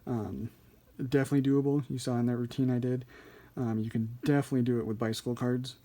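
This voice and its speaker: Male tutorial host, soft-edged mellow tone, mid-range pitch, informal and thinking aloud. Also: steady tone, fast talker. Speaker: card trick instructor. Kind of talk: casual hands-on tutorial.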